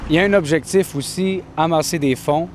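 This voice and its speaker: A man's voice: a little high, fairly quick. A man asking brief, direct interview questions outdoors. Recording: noisy outdoor street recording.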